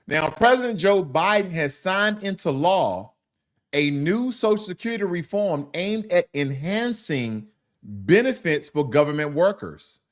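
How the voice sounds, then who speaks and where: A man hosting casual news commentary. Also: fairly high pitch. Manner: informal, mixes scripted news with blunt asides and swearing; mocking, laughs at his subject.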